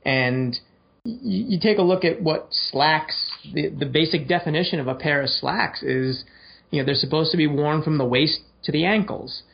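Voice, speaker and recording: A man's voice: a little high, moderate pace, gravelly. A man co-hosting a comedic podcast, rambling in a mock-earnest way and acting out quoted voices. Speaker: podcast co-host. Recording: lo-fi podcast recording.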